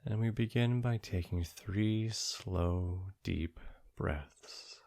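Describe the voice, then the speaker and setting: Speaking in short phrases separated by long pauses, this podcast host leads a guided sleep meditation. His deep voice is soft and soothing, breathy and hushed, frequently fading to almost a whisper.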